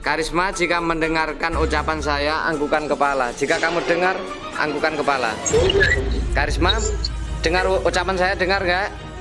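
A man leading a remote ruqyah session, giving slow repetitive soothing commands, counting and reciting. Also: fairly high pitch, steady tone. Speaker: ruqyah healer. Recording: loud background music.

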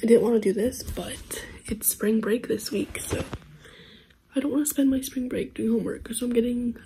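A woman's voice: on the high side, moderate pace, warm tone, a little hiss or hum, low-quality recording. A young woman chatting casually in a home vlog, her voice nasal and congested from a cold, rambling and often dropping to a half-whisper. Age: young adult. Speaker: vlogger. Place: at home, indoors.

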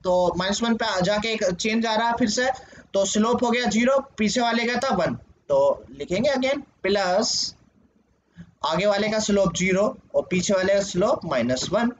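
A man's voice: high voice, lively intonation, unhurried. A male teacher explaining a lesson at a board, asking questions and answering them himself, checking in with "okay" often. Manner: frequent "ठीक है" check-ins. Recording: dull lo-fi sound with faint noise.

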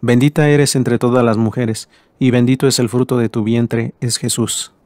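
A man leading a recited rosary in a steady, measured prayer voice. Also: medium pitch, no echo. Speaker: prayer leader.

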